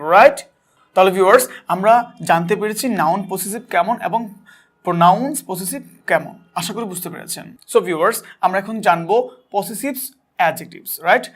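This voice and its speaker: A man with a Bangladeshi accent teaching an English grammar lesson, asking questions and answering them himself, and reading example sentences slowly. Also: high-pitched, lively intonation. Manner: asks and answers his own questions.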